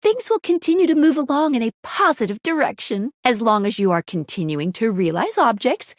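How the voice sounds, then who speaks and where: Perky high-voiced game guide Skylar. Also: female voice, a little fast, dry recording, clean studio sound. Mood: cheerful, explanatory. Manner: bubbly, teasing, expressive delivery. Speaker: tutorial guide and dating sim character. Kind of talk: scripted video game character dialogue.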